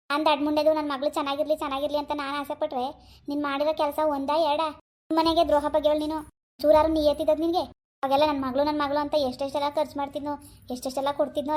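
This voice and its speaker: A woman's voice: high voice, darkish tone, natural voice. A woman voicing a harsh older village mother in a cartoon, scornful and scolding. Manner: scornful, scolding, rapid rural talk. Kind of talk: cartoon voice acting.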